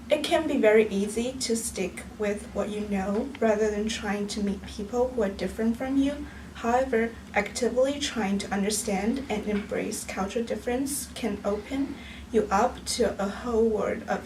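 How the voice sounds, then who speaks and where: A woman's voice: mid-range voice, a little mellow. Chinese-accented woman presenting from a distance. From southern China. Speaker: student presenter. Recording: distant mic, faint background noise.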